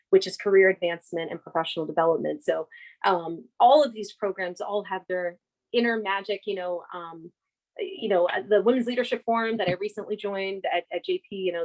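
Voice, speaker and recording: A woman's voice: lowish voice, rough recording. A woman speaking as a guest on a podcast, enthusiastic and conversational, often repeating words and restarting. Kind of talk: conversational interview.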